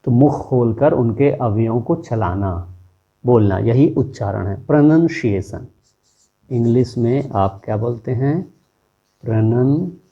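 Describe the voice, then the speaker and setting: A man's voice: mid-range voice, a little slow, dark tone, dull audio. A man teaching a lesson, explaining step by step and posing rhetorical questions to his viewers. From India.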